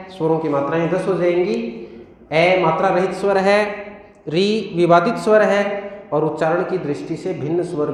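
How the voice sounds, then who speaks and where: Echoey high-voiced male Hindi tutor. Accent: Rajasthani Hindi. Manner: asks questions and answers them himself, repeats key terms. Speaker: teacher. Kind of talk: exam-prep grammar lesson. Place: coaching classroom. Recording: very echoey room with long reverb.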